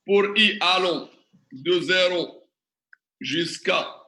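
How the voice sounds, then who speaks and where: A man's voice: high-pitched, very slow, sharp tone. A man teaching a classroom tutorial, questioning the class and working through examples step by step. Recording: echoey classroom.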